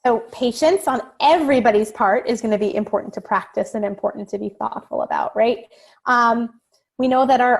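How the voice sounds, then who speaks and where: A woman psychologist giving parents advice in an informal webinar, speaking in a calm, reassuring way with many "um"s and "right?"s. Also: on the high side.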